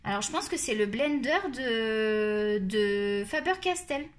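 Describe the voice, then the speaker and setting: A woman's voice: fairly high pitch, lively intonation, takes it slowly, background noise. A woman with a Marseille accent chatting and rambling as she tests coloring pencils on camera, mocking herself along the way. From France. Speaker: coloring channel host. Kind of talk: casual chat while testing art supplies.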